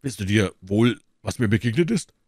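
Bragging storybook musketeer, deep and grand, done by a man reading aloud. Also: lively intonation, normal speed, darkish tone, no echo, clean studio sound. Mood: blustering. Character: boastful, pleasure-loving male musketeer, bedridden.

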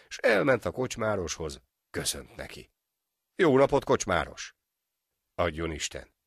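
Male folk tale narrator, deep and very animated, dry close studio sound. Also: slightly rough, no echo. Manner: expressive, folksy. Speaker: storyteller.

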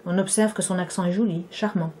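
A woman author giving a measured, unhurried reading of her own literary prose. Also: on the low side, fairly even intonation, mellow, a little hiss or hum. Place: Paris.

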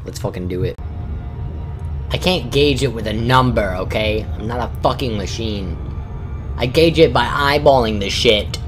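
A man streaming a space game live, excitable, cursing and yelling at the game as he plays. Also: mid-range voice, moderate pace, music in the background. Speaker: gaming streamer. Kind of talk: live gameplay commentary.

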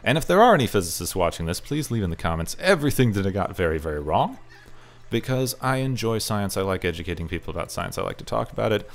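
A man's voice: lowish voice, big pitch swings, quick pace, creaky. A young man hosting a gaming channel, giving rambling, self-deprecating commentary as he explains his build, his voice a little strained as he says he is losing it. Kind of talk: casual gameplay commentary.

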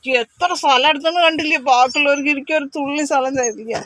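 A woman's voice: high voice, quick pace, low-quality recording. A woman, vlogging on a phone at a veterinary hospital and coaxing her dog in sing-song baby talk. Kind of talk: casual pet-talk vlog. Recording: loud background noise, dogs and traffic.

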